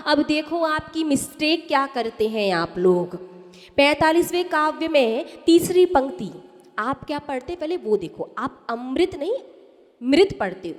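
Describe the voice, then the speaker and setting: A woman giving a sermon as a nun, teaching correct pronunciation slowly and emphatically, asking her listeners questions and answering them herself. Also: high-pitched. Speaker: Jain nun giving a discourse. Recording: long hall reverb.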